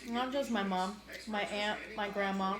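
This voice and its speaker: A woman's voice: mid-range voice, steady tone, measured pace, crowd noise. A woman chatting informally as she co-hosts an eating show, repeating phrases in a loose, casual way. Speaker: mukbang co-host. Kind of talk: casual chat while eating, answering viewers. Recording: roomy, echoey indoor sound.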